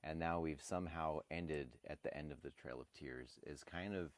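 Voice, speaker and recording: A man's voice: extremely low pitch, normal speed, no echo. A man chatting casually on a porch, trading wisecracking banter with his friend. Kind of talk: casual chat. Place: outdoor porch.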